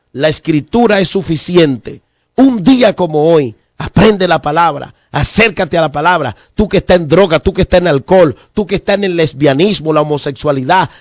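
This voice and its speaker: A man's voice: high voice, dry recording. A male pastor preaching a fervent sermon, repeating phrases and appealing directly to listeners.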